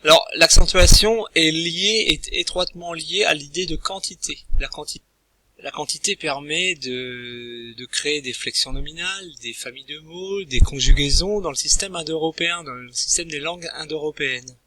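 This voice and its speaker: Male teacher, very bright voice, halting delivery, dry close-miked sound. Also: on the high side, no room sound. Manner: hesitant, many filler sounds and restarts. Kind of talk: recorded language lesson.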